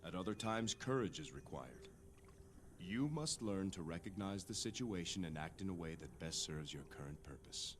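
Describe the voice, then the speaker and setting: An actor playing a wise, steady warrior hero in a video game, measured and formal. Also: male voice, low-pitched, slight background noise. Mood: solemn counsel. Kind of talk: video game character acting.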